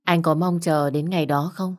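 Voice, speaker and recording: A woman's voice: sits low, steady tone, normal speed, lightly acted. A woman voicing an eager young newlywed wife who asks curious questions.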